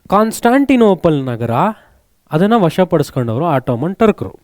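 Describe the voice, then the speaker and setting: A man's voice: mid-range voice, a little mellow, dry recording, studio quality. A man teaching an exam-prep lesson. He keeps asking his students questions, then answers them himself, and mixes English words into his speech.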